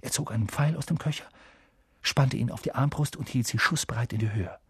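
Calm male audiobook narrator, slightly husky. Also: mid-range voice, brisk. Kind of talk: scripted narration.

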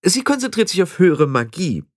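A man reading the part of a vain, proud young witch girl in a high, boastful voice. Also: big pitch swings, fairly quick, dry recording, studio quality. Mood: proud, anxious. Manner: high, boastful, near tears.

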